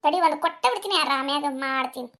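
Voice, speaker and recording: A woman's voice: high-pitched, fast, fairly bright tone. A woman voicing a fiery, protective village mother in a cartoon, scolding and threatening with a North Karnataka accent. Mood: angry. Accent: North Karnataka Kannada.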